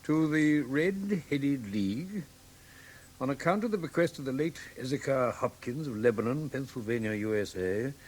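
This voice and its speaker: Man playing genial English Doctor Watson, highish voice. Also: darkish tone, a little hiss or hum, close to an everyday voice. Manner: chuckling, hesitant, polite. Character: genial, modest gentleman doctor, detective's loyal companion. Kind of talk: classic British radio drama acting.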